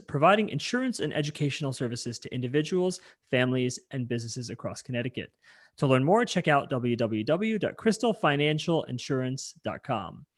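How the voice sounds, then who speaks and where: A man hosting a business talk show, reading a sponsored intro and then asking questions. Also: medium pitch. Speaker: host.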